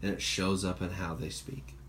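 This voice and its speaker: Speaking at a moderate pace with a level tone, the podcast host has a low, slightly bright voice. He chats casually, rambling, cursing freely, and imitating quoted voices. The recording carries faint background noise and birdsong from outside.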